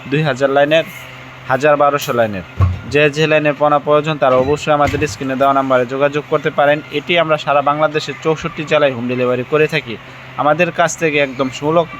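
Male fish-farm vendor, rapid pushy pitch, light outdoor background noise. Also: fairly bright tone, muffled recording. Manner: fast, repetitive salesman talk with restarts. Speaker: fish fry seller. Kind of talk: sales pitch vlog.

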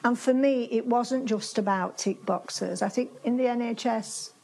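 Speaking unhurriedly in a voice on the high side, an older woman from Yorkshire gives a chatty conference talk in a seminar room with a projector screen, restarting phrases and leaning on fillers. Her voice has vocal fry, a dark tone and a slightly rough texture, and the recording is poor.

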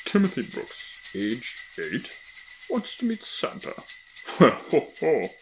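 Man voicing a booming, jovial old Santa Claus. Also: huge pitch swings, takes it slowly, gravelly, over music, heavily acted, rough recording. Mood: jovial, kindly. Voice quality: loud, booming. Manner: jovial, hearty, ho-ho chuckling.

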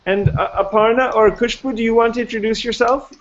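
High-voiced man leading an online class. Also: fairly even intonation, brisk. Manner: hesitant, many fillers and restarts. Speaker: course instructor. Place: video call. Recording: dull lo-fi online call audio.

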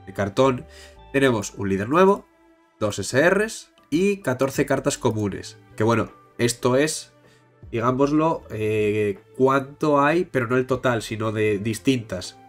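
A man with a Spain accent, stuffed up with a bad cold, chatting casually as a YouTube host about card-game news and pausing for breath. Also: mid-range voice, animated. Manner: pauses to catch breath. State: congested with a bad cold, blocked nose. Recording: music behind the voice. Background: music.

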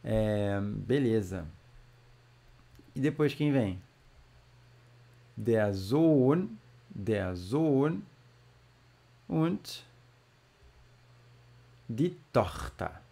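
Male teacher, unhurried, gravelly voice, casual classroom delivery. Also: lowish voice, animated, warm tone. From Brazil. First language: Portuguese. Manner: slow, drawn-out model pronunciation with chatty asides. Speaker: German teacher. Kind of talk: casual language lesson.

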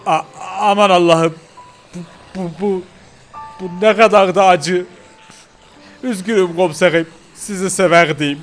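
A man's voice: high voice, fairly even intonation, measured pace, pauses often, soft background music. A man voicing a nervous young local man in a game role-play, hesitant and stammering. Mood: anxious.

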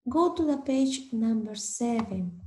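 Slow expressive woman teacher in an echoey room. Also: a little high. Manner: slow, exaggerated, expressive reading with Spanish explanations. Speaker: English teacher. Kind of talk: reading a picture book aloud and translating for learners.

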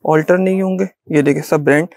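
A man's voice: a little high, steady tone, fast, darkish tone, no room sound, clean studio sound. Man with a Pakistani Urdu accent, selling coats. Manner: repetitive, insistent salesman patter. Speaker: shopkeeper. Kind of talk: sales pitch to a vlogger. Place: small indoor clothing shop.

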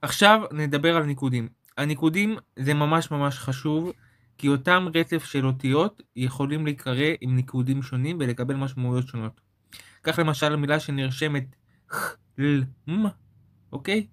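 A man's voice: a little high, fairly bright tone, dry recording. A man giving a patient lesson on Hebrew letters and vowel marks, explaining with examples and often checking with "okay?". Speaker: teacher.

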